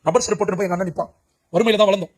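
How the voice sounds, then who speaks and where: A man delivers a heartfelt testimony sermon with a high-set voice. He pleads and cries out to the young people listening, full of urgency and emotion. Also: steady tone, racing. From Puducherry, India. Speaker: preacher giving his testimony.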